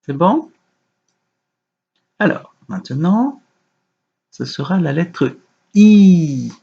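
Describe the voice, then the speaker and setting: Slow, patient male kindergarten teacher. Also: fairly high pitch, sing-song, gravelly, slightly rough, muffled recording. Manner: slow, patient, gentle instructions. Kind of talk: remote lesson for young children.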